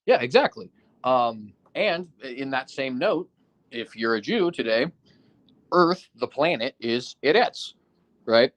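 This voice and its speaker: Animated but slow-paced, this man has a medium-pitched, fairly bright voice. In casual conversation he leans on examples, hedges his points, and keeps tossing in "right?" and fillers, sounding foggy as he recovers from being ill.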